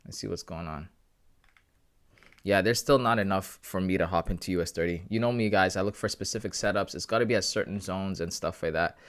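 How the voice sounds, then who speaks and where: With a low voice, a clean tone, and a fairly quick delivery, a man in his thirties livestreams forex trading and chats casually with viewers. He's slangy and laughs frequently.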